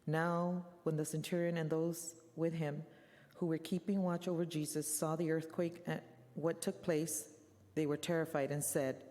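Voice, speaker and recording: A woman reads scripture as the narrator of a church dramatic reading. Her voice sits low and is dark and mellow, with the long reverb of a large sanctuary around it. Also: flat delivery, normal speed. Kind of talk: church readers' theater narration.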